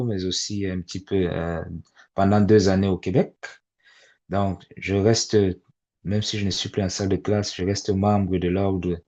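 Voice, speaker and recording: A man's voice: on the low side, warm tone. A man in his forties speaking to parents in a webinar, with a hesitant delivery full of fillers and repeated words. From immigrant to Canada. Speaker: webinar facilitator. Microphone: video call. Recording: dull lo-fi video call audio.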